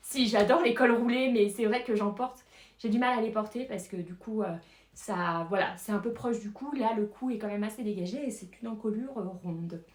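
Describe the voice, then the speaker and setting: A woman's voice: mid-range voice, normal speed, echoey room. A woman chatting casually through a knitting pattern review, hesitant, with many fillers and small laughs. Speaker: knitting vlogger.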